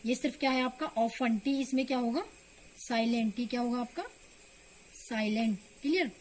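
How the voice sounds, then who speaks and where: In an online spoken-English lesson, a woman with an Indian accent teaches English pronunciation in Hindi, patiently making sure her students follow. She keeps asking "clear?" Her voice is a little high and darkish at a moderate pace, with slight hiss or hum.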